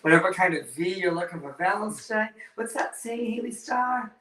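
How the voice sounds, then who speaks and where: This cooking demonstration host speaks in a high, animated voice that is bright and forceful, moving fairly quickly through campy drag queen banter and cheeky innuendo on a casual live show. The setting is an indoor kitchen with a stone counter, captured by a distant mic with roomy echo and faint noise.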